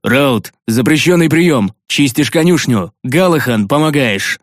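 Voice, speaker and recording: A man voicing a stern, gruff male academy commander who barks curt orders in an audiobook. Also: medium pitch, animated, unhurried, dry recording, clean studio sound, lightly acted.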